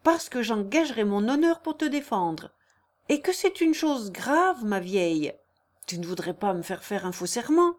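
A woman's voice: on the high side, big pitch swings, moderate pace. A woman voicing an earnest young male lawyer who pleads tenderly and solemnly in a read-aloud novel. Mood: earnest, pleading.

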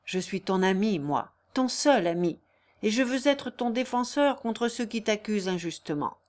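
An earnest young lawyer from a classic novel, tender and solemn as he pleads and reassures, read aloud by a woman. The voice stays mid-pitched and gentle, close to a natural storybook reading. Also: lively intonation, moderate pace, natural voice. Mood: earnest, pleading.

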